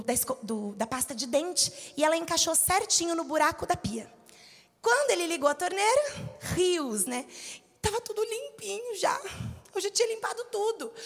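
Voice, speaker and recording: High-voiced Brazilian woman preaching in a reverberant church. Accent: Brazilian Portuguese. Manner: conversational, storytelling with acted-out quotes. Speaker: church speaker. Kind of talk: sermon. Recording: long hall reverb.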